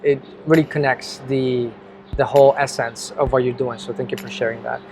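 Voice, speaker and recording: A man's voice: medium pitch, fairly even intonation, a little fast, vocal fry, a little mellow, a little hiss or hum. A man hosting a casual interview, upbeat and encouraging, often restarting his questions. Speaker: interviewer, host. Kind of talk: casual interview, video intro.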